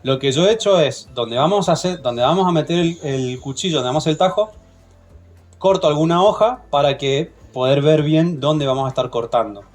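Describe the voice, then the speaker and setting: A man with an Argentine Spanish accent leads a hands-on plant propagation workshop, speaking briskly in a voice on the high side. As instructor, he is patient and often checks in with the group.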